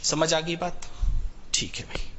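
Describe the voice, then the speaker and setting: A man with a Hindi accent teaching a live English grammar class, explaining step by step and reading example sentences slowly, word by word. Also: fairly high pitch, little pitch movement, sharp tone, slight background noise.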